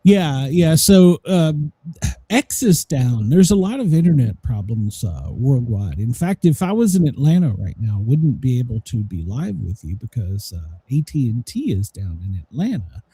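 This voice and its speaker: A man's voice: mid-range voice, big pitch swings, moderate pace, dark tone, breathy edge, dry recording. A man hosting a live talk show in casual chat, stumbling over his words and joking at his own expense. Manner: stumbles over words, self-deprecating, jokey. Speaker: radio show host.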